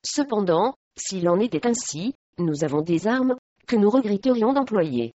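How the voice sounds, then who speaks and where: A woman reading the part of a suave, honey-voiced male abbot who threatens gently, speaking in a mild, coaxing way. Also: mid-range voice, sing-song, measured pace, no echo. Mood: menacing. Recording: dry, slightly muffled recording.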